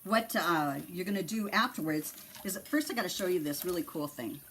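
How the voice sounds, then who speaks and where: A woman's voice: on the low side, animated, fairly quick, fairly bright tone, a little hiss or hum. A middle-aged woman with an Upper Midwest American accent, hosting a casual home cooking demonstration and chatting as she explains each step. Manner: chatty and laughing, explaining steps. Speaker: home cooking show host, mother.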